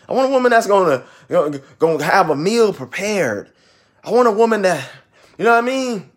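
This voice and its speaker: Young male ministry vlogger, husky and animated, emphatic repeater. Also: high voice. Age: 20s. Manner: emphatic, repeats phrases for stress. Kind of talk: preachy casual monologue.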